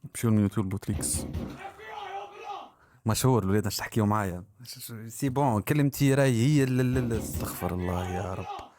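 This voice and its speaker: A man giving live-stream reaction commentary on a rap song, talking in excitable, repetitive bursts with mock-exasperated exclamations. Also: fairly low pitch, quick pace, background noise.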